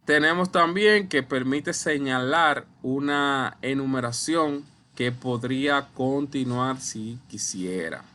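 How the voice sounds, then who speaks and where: A man teaching a recorded online lesson over slides, explaining slowly and deliberately, speaking straight to his viewers. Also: mid-range voice, sharp tone. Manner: slow, deliberate explaining, addresses viewers as ustedes. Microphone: computer mic while writing with a mouse.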